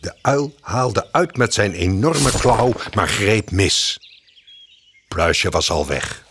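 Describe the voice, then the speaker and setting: A man narrating a children's story in a calm, expressive scripted style. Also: lowish voice, slow pace, noisy background.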